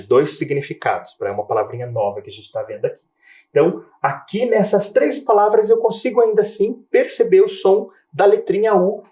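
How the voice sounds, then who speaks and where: A man teaching a recorded video lesson to children. He stretches out example words slowly and keeps checking in with short tag questions. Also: fairly high pitch, a little mellow. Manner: slow, drawn-out spelling of example words. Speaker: primary school teacher.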